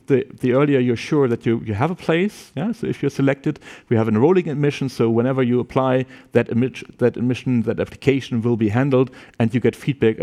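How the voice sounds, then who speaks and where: At a university open day, a man chats informally with prospective students, loose and talkative, restarting often and tagging lines with "yeah?". His voice sits at medium pitch and is a little mellow.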